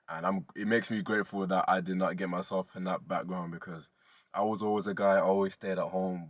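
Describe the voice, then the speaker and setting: Young male reaction host, low voice, dry close sound, loose and chatty. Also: dry recording. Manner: relaxed, chatty, swears casually. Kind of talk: casual reaction commentary.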